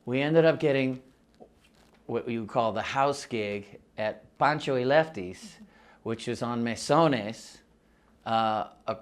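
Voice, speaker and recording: Man in his sixties, from the US and Mexico, relaxed rambling storyteller, average pitch, laughs easily. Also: slow pace, clear, resonant tone. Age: 60s. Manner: rambling, laughs often, frequent restarts. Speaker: musician interviewee. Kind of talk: casual oral-history storytelling.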